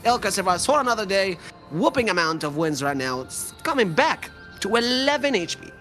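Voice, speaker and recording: A man giving lively play-by-play commentary on a live esports match, his voice leaping up on big moments. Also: brisk. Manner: excitable play-by-play, pitch leaps on big moments. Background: background music.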